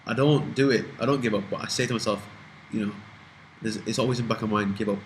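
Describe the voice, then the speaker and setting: A man's voice: lowish voice, steady tone, quick pace, a little hiss or hum, rough recording. A man in his twenties from the UK, chatting casually and rambling as he answers viewer questions, swearing freely. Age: 20s. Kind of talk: casual Q&A chat.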